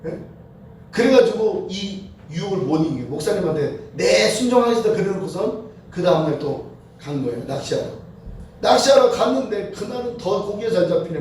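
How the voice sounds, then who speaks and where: A woman preaching a sermon, moving between fervent shouted prayer and quiet storytelling. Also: medium pitch, a little hiss or hum. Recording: echoey hall heard from a distance.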